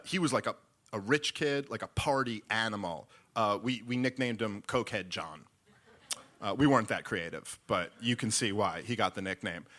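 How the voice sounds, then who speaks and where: A man doing stand-up, telling a rambling story with animated, mock-exasperated delivery. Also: mid-range voice. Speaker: comedian.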